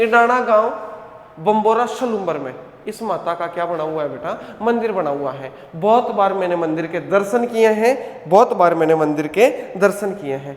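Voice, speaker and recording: A male teacher giving an online coaching lecture, drilling his students with repeated questions and answers and calling them "beta". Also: high voice. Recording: echoey hall sound.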